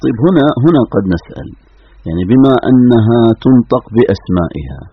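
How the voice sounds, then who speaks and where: Lively husky male radio interviewer. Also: medium pitch, fast. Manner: thoughtful, probing questions. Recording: dull lo-fi radio sound.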